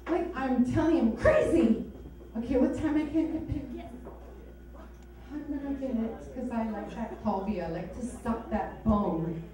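A woman's voice: fairly high pitch, measured pace, a crowd in the background. A woman comedian from Hawaii doing a stand-up set on a comedy club stage with sardonic, bawdy punchlines. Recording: echoey club sound from far off.

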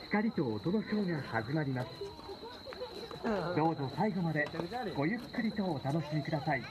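A venue announcer making a polite, formal public announcement over an outdoor loudspeaker. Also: mid-range voice, expressive, rapid-fire. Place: outdoor illumination park. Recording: dull lo-fi loudspeaker amid a crowd.

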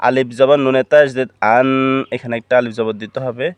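A man's voice: medium pitch, steady tone, brisk, smooth, dry recording. A man teaching Quran reading, spelling out letters and syllables one by one in a rhythmic, repetitive drill with a Bangladeshi Bengali accent.

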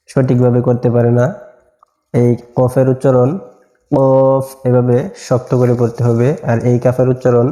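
A man teaching Quran letter pronunciation as a lesson, repeating each letter slowly and drawn out. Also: medium pitch, dark tone, roomy sound. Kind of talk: slow recitation lesson.

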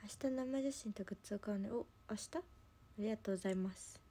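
A woman's voice: medium pitch, quick pace, mellow. A young woman with a Kansai accent, chatting casually on a livestream and rambling through a story with lots of fillers. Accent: Kansai Japanese. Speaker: idol livestream host.

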